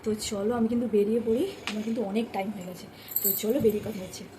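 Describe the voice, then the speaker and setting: A woman vlogger speaks quickly in an easy, chatty way. Her pitch sits in a middle range, and she addresses her viewers directly as friends. A clear hum of background ambience runs under the recording. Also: steady tone. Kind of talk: casual vlog talk to viewers.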